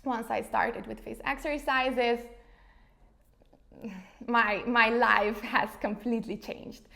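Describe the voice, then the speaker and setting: A woman's voice: fairly high pitch, steady tone, slow, creaky, sharp tone. Chatty woman in her thirties from Slovenia. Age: 30s. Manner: chatty, with frequent fillers like "you know" and "like". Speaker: interview guest, face yoga founder. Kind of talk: casual conversational interview.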